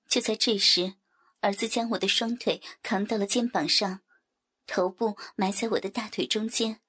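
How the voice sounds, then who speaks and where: A woman narrating a story in a soft, breathy, half-whispered voice. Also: medium pitch, fairly even intonation, normal speed. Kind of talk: whispered erotic story reading.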